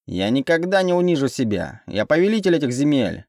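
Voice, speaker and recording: A man's voice: a little high, big pitch swings, fairly quick, a little mellow, no echo, clean studio sound, voice pushed up. A man voicing an unhinged bald prince who gloats and shrieks in triumph. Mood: shrieking.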